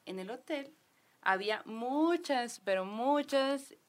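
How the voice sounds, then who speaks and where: A woman with a Mexican accent, a podcast co-host retelling a story sent in by a listener, lively and slangy with quick asides. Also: high-pitched. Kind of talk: casual storytelling.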